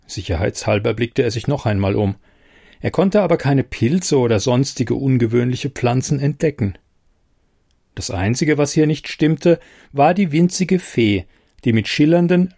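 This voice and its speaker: A man reading a fairy tale aloud in a calm, measured storytelling manner. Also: mid-range voice, gravelly. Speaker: narrator.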